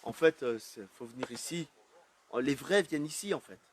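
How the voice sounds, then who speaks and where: A man's voice: mid-range voice, animated, moderate pace, a little hiss or hum. Chatty man touring a shop. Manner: casual, chatty, many fillers. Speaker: aquarium shop tour host. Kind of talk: live shop walkthrough. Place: indoor aquarium shop.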